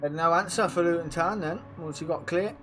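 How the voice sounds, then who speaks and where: A man with a croaky, sore-throated voice, chatting casually as host of a racing league stream and talking to himself while he sets things up. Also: a little high, a little fast, sharp tone, soft background music. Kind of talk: casual live-stream race commentary.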